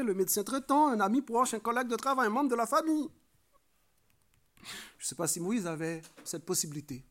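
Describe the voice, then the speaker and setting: Earnest French-speaking preacher man. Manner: earnest preaching, rises in pitch and volume for emphasis; frequent filler "hein". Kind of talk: sermon.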